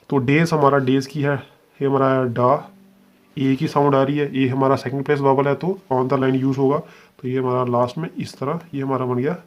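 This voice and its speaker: Male tutor walking through a shorthand lesson slowly and patiently, mid-pitched voice. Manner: patient, repeats "ठीक है" and spells sounds out slowly. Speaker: shorthand teacher. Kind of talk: step-by-step video lesson.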